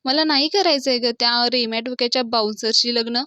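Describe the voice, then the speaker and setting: A young woman who pleads and pushes hard against being married off, read out by a woman recapping the serial. The voice sits a little high. The recording is dry and slightly muffled. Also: fast talker, sharp tone, no room sound. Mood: frustrated. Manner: pleading, insistent.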